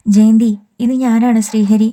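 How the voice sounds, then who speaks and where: A woman reading an audiobook, voicing a man who gently reassures a friend over the phone. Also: fairly high pitch, measured pace, close to an everyday voice. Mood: reassuring. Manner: gentle, steady encouragement.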